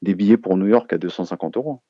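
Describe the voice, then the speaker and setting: A man hosting a casual live chat, speaking hesitantly with many pauses and fillers, with a gravelly voice on a dull lo-fi recording. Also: low voice, no room sound. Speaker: host.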